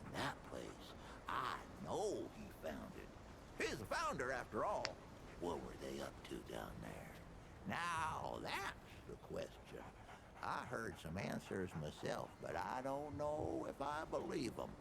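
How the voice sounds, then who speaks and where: A man playing a boastful, forgetful old storyteller in a video game, with a gravelly grandpa voice and folksy, rambling delivery. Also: mid-range voice, wildly swooping pitch, unhurried, noisy background, exaggerated voice. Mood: secretive, boastful. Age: older. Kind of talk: video game character dialogue, tall-tale storytelling.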